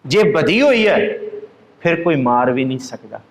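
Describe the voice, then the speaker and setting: A man giving a religious discourse, chanting lines of scripture slowly and then explaining them. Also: mid-range voice, big pitch swings, reverberant, low-quality recording. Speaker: Sikh preacher.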